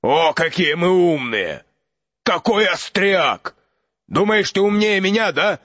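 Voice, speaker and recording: A gruff, grumbling half-giant gamekeeper, as a male audiobook reader puts him on, touchy and big-hearted. The voice sits a touch high and bright and sharp. Dry, dull lo-fi audio. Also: animated, slow pace, dry recording, heavily acted. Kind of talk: audiobook character voice.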